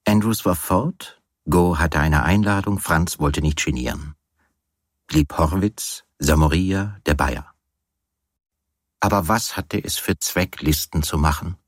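Deep husky male audiobook narrator. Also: takes it slowly, dry recording, clean studio sound.

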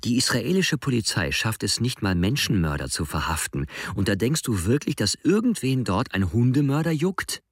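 A man's voice: mid-range voice, sing-song, moderate pace, few pauses, breathy edge, no echo, studio quality, voice pushed up. A man reading an audiobook, voicing an aggressive teenage bully who talks in a scornful, threatening way.

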